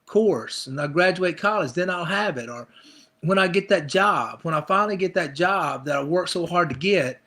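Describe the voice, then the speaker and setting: A man's voice: high-pitched, lively intonation, moderate pace, pushed and bright. A middle-aged male pastor preaching a conversational sermon, acting out people's inner thoughts with repeated phrases.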